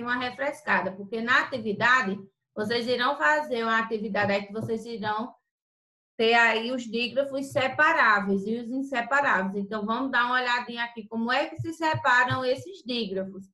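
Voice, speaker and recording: A woman teacher giving a grammar lesson, spelling out sounds slowly and then explaining quickly. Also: a little high, pushed and bright, echoey room, rough recording.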